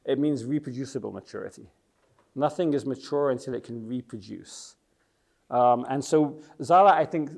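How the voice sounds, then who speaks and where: This middle-aged Englishman, a youth worker and church leader, has a fairly high, slightly mellow voice. He runs a teaching session in a chatty, joking style, putting questions to his audience.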